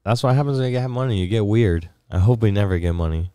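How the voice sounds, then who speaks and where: A man's voice: fairly low pitch, fast, dark tone, smooth, no room sound. A man co-hosting a podcast, joking and teasing his friends in crude casual chat. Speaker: podcast co-host.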